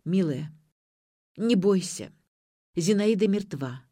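Woman reading a persuasive young lover; coaxing, mellow, dry. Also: mid-range voice, lively intonation, slow, no room sound. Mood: soothing. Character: persuasive young man, smooth-talking lover.

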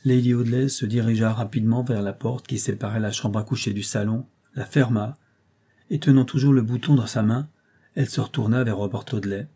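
A man narrating an audiobook in a steady, even manner. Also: medium pitch, brisk, husky. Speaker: audiobook reader.

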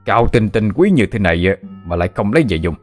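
A man's voice: fairly low pitch, big pitch swings, fast talker, faint music behind. Man voicing a sneering bully servant. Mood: taunting. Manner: taunting and threatening.

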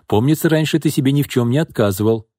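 A man voicing a drunken, pushy middle-aged businessman in an audiobook, needling, bitter and rising into angry shouts. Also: medium pitch, fast, dry recording, clean studio sound, pitched above the performer's own voice, natural voice. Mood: mocking. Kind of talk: audiobook character reading.

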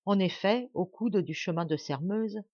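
Female audiobook narrator, calm storytelling, close dry recording, dull lo-fi sound. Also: medium pitch, unhurried, no room sound. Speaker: audiobook reader. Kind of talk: scripted narration of a classic novel.

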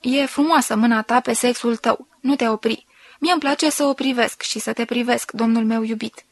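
A woman voicing a sensual woman who slowly and softly reads out an intimate love letter. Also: fairly high pitch, no echo. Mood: intimate, tender. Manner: slow, soft, intimate reading.

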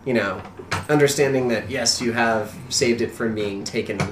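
Male game master, laid-back narration, middle pitch, roomy sound. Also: moderate pace, distant mic, a little hiss or hum. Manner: relaxed, hesitant with fillers.

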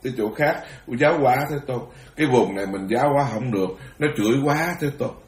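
A man's voice: mid-range voice, expressive, a little fast, natural voice. A man voicing a humble, anxious disciple. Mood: pleading. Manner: soft pleading. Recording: roomy echo.

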